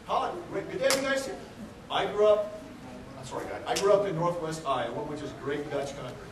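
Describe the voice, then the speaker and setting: A brisk, fairly high-voiced man from Texas, acting as an aquarium chief, gives a casual, joking talk to a crowd and often puts questions to the audience. He is in a large indoor room with listeners, recorded in an echoey hall by a distant mic.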